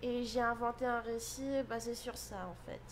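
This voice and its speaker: Young woman student, slightly high voice, halting answers, faint hiss behind. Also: fairly even intonation. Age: young adult. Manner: hesitant, many fillers. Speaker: university student. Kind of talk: interview answers.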